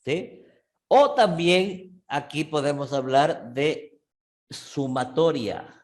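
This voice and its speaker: Slow-spoken male language teacher. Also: fairly high pitch, expressive, a little mellow. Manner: patient, checks in with frequent "¿sí?"; restarts and self-corrects often. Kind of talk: online language class.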